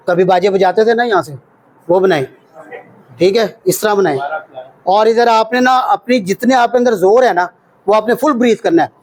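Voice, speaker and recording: Pakistani urdu accent guy teaching cpr, fairly high voice, counts out loud and quizzes the class. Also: poor audio. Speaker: CPR trainer. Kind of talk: hands-on workshop teaching. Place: training workshop room with children.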